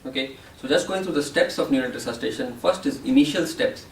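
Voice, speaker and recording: A man acting as a medical educator, calmly summarizing newborn resuscitation steps one by one. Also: mid-range voice, quick pace, reverberant, recorded from a distance, a little hiss or hum, poor audio. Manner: calm, step-by-step explaining. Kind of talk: teaching summary.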